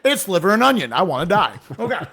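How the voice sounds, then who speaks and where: A man hosting a charity livestream, excitable, reading donations aloud and reacting loudly. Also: high voice, fast talker, vocal fry, slightly rough. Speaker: charity stream host. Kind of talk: casual livestream chat.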